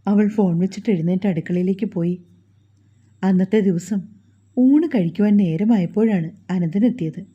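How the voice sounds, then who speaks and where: A woman narrating a story in a steady, measured way, on a dull lo-fi recording. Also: medium pitch, slightly rough.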